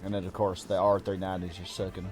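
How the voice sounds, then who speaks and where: A man's voice: low-pitched, fast. A man hosting a gaming stream, chatting casually and calling out race positions as he plays. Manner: relaxed, reads out race positions. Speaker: streamer host. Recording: game music behind.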